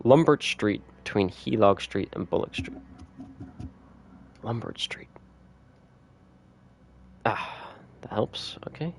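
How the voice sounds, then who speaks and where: Man, streamer, casual gaming chat, laid-back, laughs a lot, slightly low voice. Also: slow, creaky, pauses often, a little hiss or hum. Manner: relaxed, chatty, laughs often, reads notes aloud.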